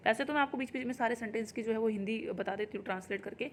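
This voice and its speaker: A woman teacher, explaining grammar in Hindi and reading example sentences slowly and carefully. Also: fairly high pitch, slight background noise. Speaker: English teacher. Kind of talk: exam-prep grammar lesson.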